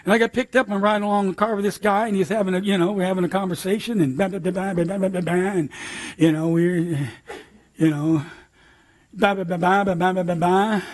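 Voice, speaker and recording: Animated older preacher, high husky voice. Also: male voice, a little fast. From United States. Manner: animated, emphatic preaching with sudden shouts. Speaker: pastor. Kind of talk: sermon.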